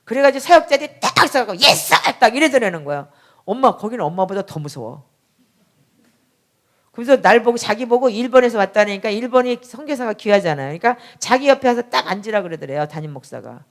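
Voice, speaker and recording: A middle-aged woman pastor delivers a sermon built on a personal story. She acts out both sides of the dialogue with animation. In the quoted apologies her voice falls to a quiet murmur. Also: a little high, animated, fairly quick.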